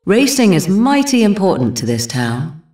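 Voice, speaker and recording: A woman's voice: medium pitch, very animated, normal speed, dark tone, lightly acted. A woman playing an earnest, serious townswoman in a video game. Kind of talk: video game character dialogue. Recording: echoey hall-like reverb, faint music.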